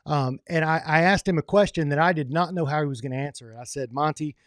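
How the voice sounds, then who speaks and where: A man's voice: on the high side, fast, a bit bright, no echo, studio quality. A man hosting his own coaching channel, telling a motivational story in a conversational way and often restarting his phrases. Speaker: host of a men's coaching program.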